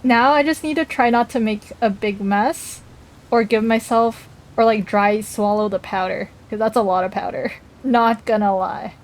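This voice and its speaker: A woman's voice: a little high, moderate pace. A woman livestreamer chatting casually, reacting to chat messages and talking while she eats.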